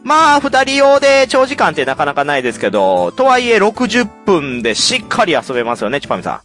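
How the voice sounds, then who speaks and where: A man's voice: high voice, huge pitch swings, brisk, a bit bright, soft background music. A man hosting a casual chat, talking with enthusiasm and some teasing. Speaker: host. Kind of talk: casual chat reviewing a game.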